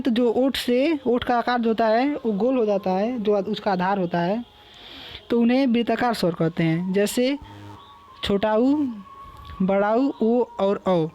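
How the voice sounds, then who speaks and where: A man's voice: very high-pitched, a little mellow, dull audio. A young man teaching a lecture, explaining patiently, repeating terms and drawing out vowel sounds as examples. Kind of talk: classroom lecture.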